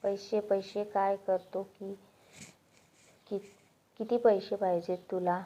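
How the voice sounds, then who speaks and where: A woman's voice: medium pitch, flat delivery, takes it slowly, warm tone. A woman voicing a drunken swaggering village man. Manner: bullying, slurred bravado. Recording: dull lo-fi recording.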